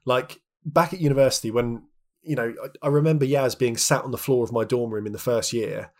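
A man's voice: mid-range voice, fairly even intonation, brisk. A man in his thirties co-hosting a podcast, chatting reflectively with lots of restarts and filler words. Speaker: podcast co-host. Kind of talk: reflective casual chat.

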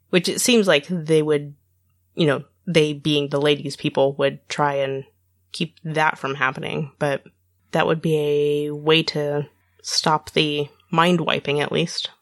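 A woman with a notably deep voice talks casually as a podcast co-host, thinking aloud in a tentative way. The sound is close and dry. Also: no echo. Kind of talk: casual discussion.

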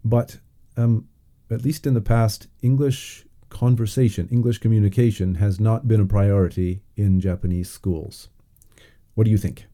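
Dark-voiced male interviewer. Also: lowish voice, steady tone. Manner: measured, frequent um fillers and back-channel murmurs. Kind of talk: interview questions.

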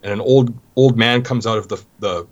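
A man's voice: fairly low pitch, normal speed. A Canadian man talking casually about life abroad, rambling with many restarts. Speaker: guest. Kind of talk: casual conversation. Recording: dull lo-fi sound.

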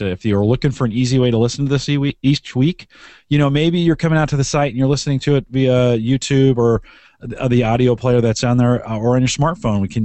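A man's voice: mid-range voice, a little mellow, no echo. A man hosting a podcast in a casual, conversational style. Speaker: podcast host.

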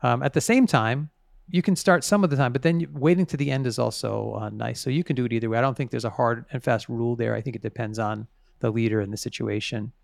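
A man's voice: mid-range voice, steady tone, quick pace, creaky, a little mellow, dry recording, studio quality. A man interviewed as an author, explaining things conversationally and stressing key words.

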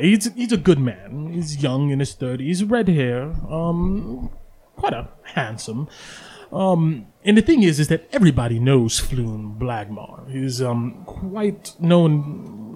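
A man's voice: a little high, very animated, a little slow, a little mellow, breathy edge, heavily acted. A man voicing Volo, a talkative, fussy traveling writer who rambles with theatrical asides. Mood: earnest. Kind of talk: tabletop game voice acting.

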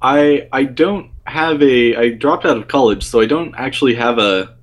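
An earnest young man from Rhode Island co-hosts a casual gaming podcast. He talks haltingly and restarts his sentences often, with a pitch in the middle range for a man. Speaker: podcast co-host and web developer.

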